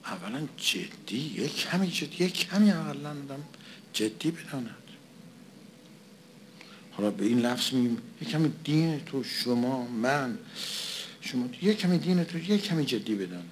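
A man's voice: mid-range voice, animated, slight background noise. A man preaching a conversational sermon, asking and answering his own questions and repeating phrases for emphasis.

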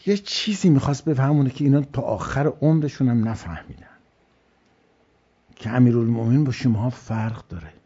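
A man's voice: mid-range voice, warm tone, breathy edge, highs cut off. A man preaching a religious lecture, telling stories and repeating phrases for stress. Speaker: cleric.

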